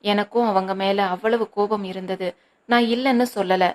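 A woman reading a novel aloud, voicing a hurt young woman who pleads softly with her brother. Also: mid-range voice, fairly even intonation, moderate pace, lightly acted. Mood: pleading. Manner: pleading, soft, resentful.

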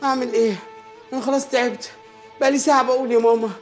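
An actor with an Egyptian accent playing a childish grown son, whiny and mocking, in an exaggerated, wailing comedy style. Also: male voice, extremely high pitch, level tone, racing, faint music behind. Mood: whiny pleading. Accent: Egyptian Arabic. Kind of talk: Egyptian film comedy acting.

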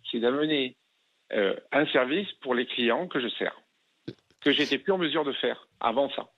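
Restaurant owner on a tinny phone line. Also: male voice, medium pitch, dry recording. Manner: halting, repeats words, defends himself firmly. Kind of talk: phone-in interview on talk radio.

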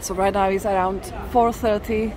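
A woman leads a walking tour vlog along a busy city street, narrating live in a casual, emphatic way. Her medium-pitched voice holds fairly even intonation at a moderate pace, while a crowd, traffic and passing vehicles fill the background.

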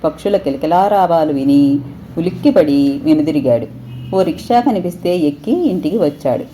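A woman storyteller reading an audio story aloud in a steady, expressive way. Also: low-pitched, normal speed, a little hiss or hum.

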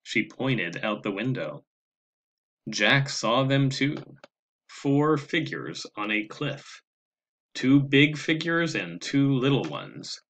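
A man narrating a children's storybook with a slow, expressive read-aloud delivery. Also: medium pitch, breathy edge. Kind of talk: storybook reading.

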